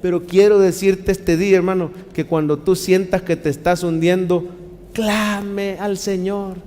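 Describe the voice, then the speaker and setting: A man preaches a sermon in a high voice. He moves between hushed and forceful passages. A long reverb from the large hall trails behind his words. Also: little pitch movement, moderate pace. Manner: impassioned, swinging between hushed and loud. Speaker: pastor.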